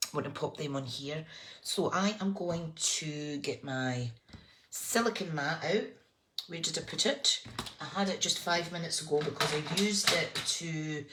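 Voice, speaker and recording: A woman's voice: deep voice, a little slow. A woman with a broad Scottish accent hosting a casual live craft tutorial, chatting informally and thinking aloud as she works. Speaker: crafting livestream host. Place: indoors at a craft table. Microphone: phone above the desk. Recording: clear background noise, clicks of handling.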